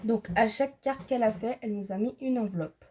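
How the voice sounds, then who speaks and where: Casting: hesitant woman co-presenter, mellow and a bit breathy, describing cards. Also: fairly high pitch, fairly quick. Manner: hesitant, describes items with many fillers. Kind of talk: casual show-and-tell.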